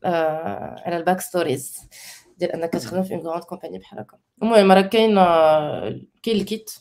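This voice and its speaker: A woman's voice: on the low side, rapid-fire, creaky, a little mellow. A woman with a Moroccan accent talking casually, mixing English and French terms into her Arabic. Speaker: panel participant sharing recommendations. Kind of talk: casual talk about design resources.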